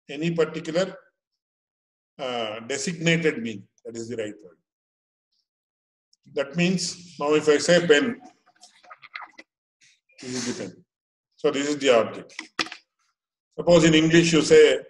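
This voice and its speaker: A man in his fifties with a South Indian accent giving an informal scriptural lecture, explaining haltingly and rephrasing as he goes, with Sanskrit terms. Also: a little high. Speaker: religious teacher. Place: small indoor room at home. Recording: echoey room, webcam-style pickup.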